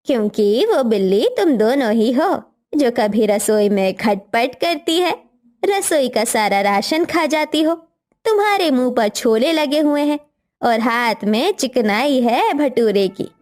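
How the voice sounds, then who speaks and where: A woman's voice: on the high side, expressive, a little mellow. A woman doing a stern scolding mother-in-law. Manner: slow, commanding, scolding. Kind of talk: cartoon story voice acting.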